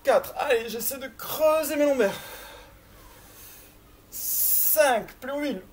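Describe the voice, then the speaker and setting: A woman with a high, slightly dark voice leads a workout at a slow pace, with a little background noise. She's chatty and encouraging, counting reps out loud and straining as she talks, thinking aloud with small filler sounds.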